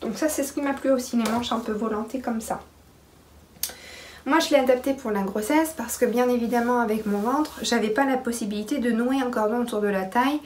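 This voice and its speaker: A pregnant woman chatting casually to camera about her sewing, with many pauses and restarts. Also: on the high side, a little mellow, slight background noise. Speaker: sewing vlogger.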